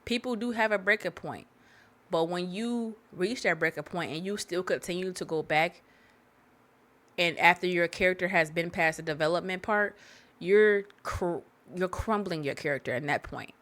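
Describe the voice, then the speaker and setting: A woman's voice: on the low side, moderate pace, fairly bright tone. A woman hosting a solo podcast, giving candid, profane life advice in a rambling, preachy way and repeating herself for emphasis. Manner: talks straight to listeners, repeating herself for emphasis. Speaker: podcast host.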